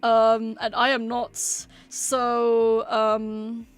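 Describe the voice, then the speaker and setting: A woman's voice: fairly high pitch, monotone, very slow, clear, resonant tone. A woman streamer chatting casually, rambling and hesitant with lots of "um" and "like". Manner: rambling, hesitant, many fillers. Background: faint background music.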